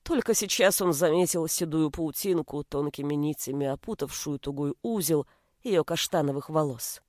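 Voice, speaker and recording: A woman narrating a story aloud with an expressive reading. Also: low-pitched, normal speed, no room sound, clean studio sound.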